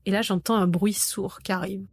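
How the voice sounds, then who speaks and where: A woman's voice: mid-range voice, fairly even intonation, moderate pace, darkish tone, faint music behind. A woman in her thirties, a podcast guest telling a personal story and vividly acting out remembered dialogue. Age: 30s. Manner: vivid narrator who acts out remembered dialogue.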